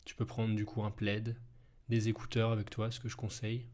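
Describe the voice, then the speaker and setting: A man's voice: fairly low pitch, monotone, fairly quick, darkish tone. A man giving a casual, hesitant introduction with instructions, often repeating himself. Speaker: hypnosis video host.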